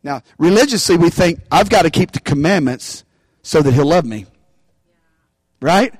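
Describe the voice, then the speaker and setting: A man's voice: on the high side, animated, moderate pace, husky, no echo, rough recording. A man preaching a sermon, calling out to the congregation for responses and rising into bursts of emphasis. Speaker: pastor.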